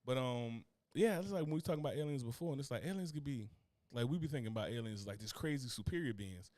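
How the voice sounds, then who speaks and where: A podcast co-host from Newark, New Jersey rambles casually and profanely, laughing as he talks. His mid-range voice is expressive and darkish, he's a fast talker, and the recording has no echo.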